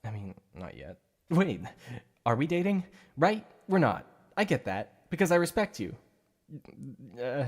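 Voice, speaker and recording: In an ASMR roleplay, a man plays a shy, obsessive male supervillain, speaking softly in a mid-range voice and stammering whenever his tongue slips. He sounds flustered.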